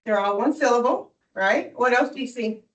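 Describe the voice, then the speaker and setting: A woman's voice: fairly high pitch, normal speed, fairly bright tone, roomy sound, recorded from a distance, rough recording. A woman tutoring a student in phonics, patient and encouraging, often checking in with "right?". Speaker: reading tutor. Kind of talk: one-on-one phonics lesson.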